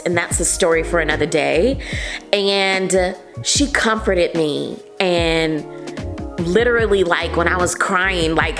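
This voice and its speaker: Earnest woman vlogger, soft music behind. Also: on the low side. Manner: earnest and encouraging, often says "like" and "you know". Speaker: vlogger sharing patient advice. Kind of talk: casual heartfelt talk to camera.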